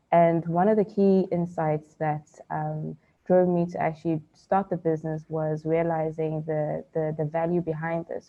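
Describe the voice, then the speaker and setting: A woman from South Africa speaking on a conference panel, measured and businesslike with frequent ums, over tinny phone-like call audio. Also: sits low, mellow.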